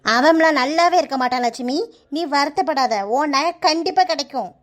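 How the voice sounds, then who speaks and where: A woman's voice: sits high, normal speed, natural voice. A woman voicing a kindly older village woman in a cartoon, reassuring in a Kanyakumari Tamil accent. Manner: soothing, reassuring.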